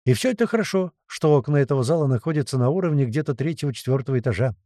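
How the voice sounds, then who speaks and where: An audiobook reader narrates in first person, bluntly and with plenty of swearing. His mellow, animated voice ranges widely in pitch and races along, recorded dry and close with no echo.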